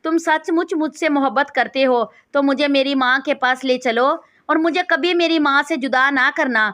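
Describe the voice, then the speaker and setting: A woman's voice: sits high, a bit bright, no room sound. A woman voicing a spirited young bride in a storybook, with a pleading, insistent reading.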